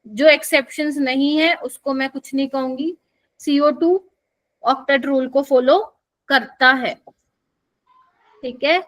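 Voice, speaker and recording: High-voiced Hindi-speaking chemistry teacher quizzing a class. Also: female voice, steady tone, takes it slowly, long pauses, fairly bright tone, rough recording. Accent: Hindi, mixed with English terms. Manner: quizzes students, checks with frequent "ठीक है?". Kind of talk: live exam-prep class.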